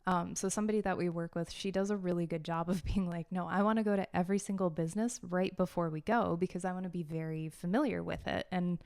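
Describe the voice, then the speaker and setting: A young adult woman co-hosting a podcast in casual chat, excitable and chatty with quick asides. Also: lowish voice, smooth, dry recording, clean studio sound. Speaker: podcast co-host.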